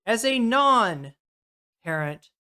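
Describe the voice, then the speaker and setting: A woman's voice: fairly high pitch, big pitch swings, extremely slow, bright, forceful tone, clear, resonant tone, no echo, clean studio sound. Blunt, profane woman streamer. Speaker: streamer reacting to clips. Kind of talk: casual livestream commentary.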